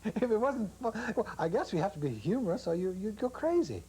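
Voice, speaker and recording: Animated older man telling stories. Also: sits high, brisk, low-quality recording. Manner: animated, laughing storyteller. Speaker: veteran photographer. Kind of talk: interview answers.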